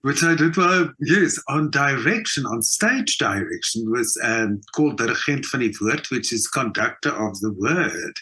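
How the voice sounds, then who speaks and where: Speaking a little slowly with few pauses, a South African man from Johannesburg, an actor and theatre designer, tells personal anecdotes as an interview guest. His medium-pitched voice is expressive, pushed and bright, and he stresses points by repeating words, talking over a video call from indoors at home.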